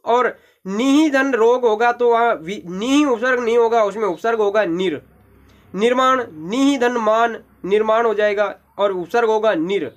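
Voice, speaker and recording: A man's voice: high-pitched, measured pace. A man teaching Hindi grammar for exam preparation, patiently breaking down each example word step by step and addressing viewers directly. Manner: addresses viewers with "देखिए" and "भाई". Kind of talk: explanatory exam-prep lesson.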